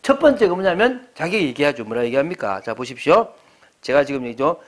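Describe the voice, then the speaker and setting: Lively pastor preaching, full of questions. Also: male voice, a little high, brisk. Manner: asks the congregation many rhetorical questions; conversational, explanatory preaching. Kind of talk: sermon. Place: church service.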